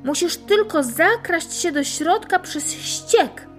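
A woman voicing a tiny, plucky, cunning little boy in a high, childlike voice. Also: expressive, slow pace, soft background music, exaggerated voice. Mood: coaxing.

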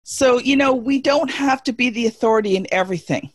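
A woman's voice: fairly high pitch, brisk, no room sound. A woman in her forties talking on a video call in a casual panel chat, emphatic, folksy and self-deprecating. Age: 40s.

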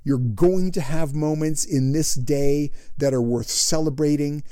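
A man hosting a solo motivational podcast from bed in his gravelly early-morning voice, moving from sleepy musing into bursts of enthusiasm. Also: on the high side, unhurried, warm tone, no room sound, clean studio sound. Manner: shifts from sleepy to rising enthusiasm. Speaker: podcast host. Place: bedroom, lying in bed.

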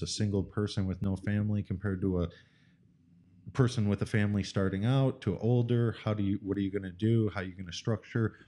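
A man's voice: low voice, mellow. A man speaking in a casual podcast chat, hesitant and full of "uh" and "um". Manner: hesitant, many "uh" and "um".

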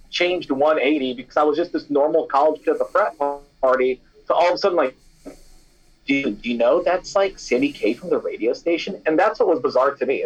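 Answering an interviewer's questions, a young former radio DJ turned snack company founder talks casually and with animation, leaning heavily on fillers such as "like" and "you know." The audio is dull, and his medium-pitched voice has a slight roughness.

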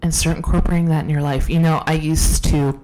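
A woman's voice: sits low, level tone, fast, mellow, poor audio. A woman hosting a podcast while sick, talking off the cuff in a rambling, self-deprecating way, recorded on a phone at home. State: sick, losing her voice. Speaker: podcast host. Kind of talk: unscripted casual monologue. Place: home, downstairs room.

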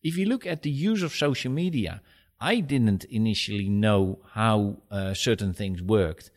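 A man's voice: lowish voice, lively intonation, a little slow. A man with a Dutch accent answering conversationally as a podcast guest, direct and instructive. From Netherlands. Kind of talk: conversational interview.

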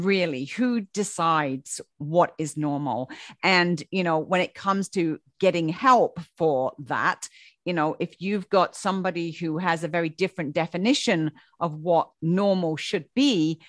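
A woman's voice: lowish voice, a little slow, no room sound, studio quality. A woman hosting a podcast interview, chatty and full of praise, with many fillers. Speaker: podcast host. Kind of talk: casual interview chat.

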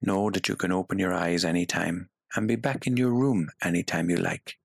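A man leading a guided meditation in a soothing, hypnotic way, with long pauses between phrases. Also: deep voice, vocal fry, dry recording, studio quality.

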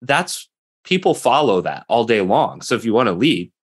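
A man in his own voice hosting a casual interview. He thinks out loud with energy, often rephrasing mid-sentence with "like" and "you know." His pitch sits right in the middle for a man. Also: sing-song, normal speed, breathy edge. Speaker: podcast host.

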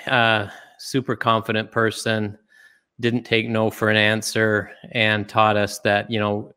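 A man's voice: lowish voice, a bit bright, clear, resonant tone. A middle-aged man from Utah, a guest in an interview, speaking reflectively with frequent restarts. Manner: reflective, halting with many restarts. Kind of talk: casual interview talk.

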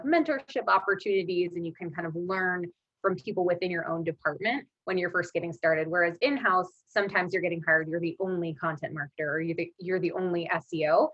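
Low, husky woman in casual interview. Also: dry recording, dull audio. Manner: informal, conversational, frequent 'like' as filler. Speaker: podcast guest, marketing leader.

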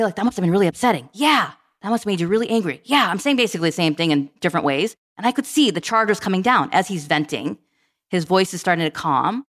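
A middle-aged woman telling stories as a podcast guest, acting out quoted dialogue as she goes. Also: mid-range voice. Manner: fast, animated storytelling with quoted dialogue. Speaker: guest, program management director. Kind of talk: storytelling in a podcast interview.

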